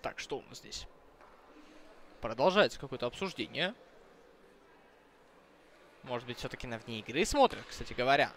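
A man's voice: medium pitch, lively intonation, normal speed, pauses often, fairly bright tone, slight background noise. A man commentating a hockey broadcast live, talking conversationally to viewers and thinking aloud.

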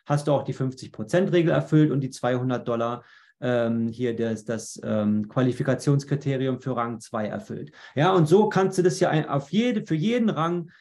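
A man with a medium-pitched, slightly mellow voice presents a webinar at normal speed, sharing his screen to walk viewers through a dashboard. He explains each step in turn, often using fillers and restarting his sentences.

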